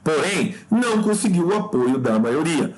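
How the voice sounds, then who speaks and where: A man from Brazil teaching an exam review lesson, talking the listener through each answer, checking in often with quick asides and jumping higher in pitch to stress his points. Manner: explanatory, peppered with "tá?" check-ins and addressing the listener as "cara"; lively pitch jumps when stressing points.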